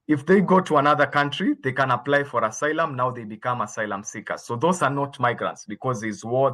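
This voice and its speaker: A man from Kenya gives a patient expert talk over a video call. His voice sits in a middle pitch and he explains step by step, now and then restarting a phrase. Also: sharp tone. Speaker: guest expert. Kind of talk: explaining to a workshop audience.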